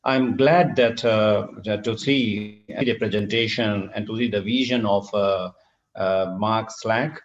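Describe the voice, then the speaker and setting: Low-voiced man giving a screen-recorded online lecture. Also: steady tone, slow pace. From Assam, India. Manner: formal and hesitant, with frequent filler sounds and restarts. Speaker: surgeon giving a university lecture. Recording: dull lo-fi online call audio.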